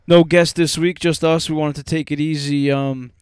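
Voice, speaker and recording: A man's voice: on the high side, flat delivery, normal speed, darkish tone, smooth, no room sound, clean studio sound. A man hosting a podcast in a casual, informal chat style. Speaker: podcast host.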